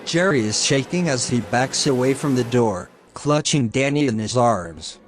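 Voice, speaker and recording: A man narrating a first-person horror story in a steady, scripted storytelling delivery. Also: medium pitch, moderate pace, slight background noise. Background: faint music.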